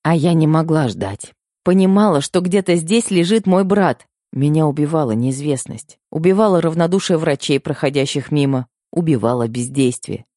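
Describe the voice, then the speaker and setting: Dark-voiced audiobook narrator. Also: medium pitch, lively intonation, moderate pace, no room sound, clean studio sound.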